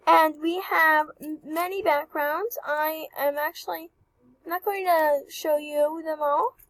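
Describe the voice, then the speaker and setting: Young woman host, high chatty voice, eager walkthrough tone, dry close mic. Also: slow pace, no room sound, rough recording. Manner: chatty, excitable, apologetic asides. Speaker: channel host reviewing avatar creators. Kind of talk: casual screen-recording walkthrough.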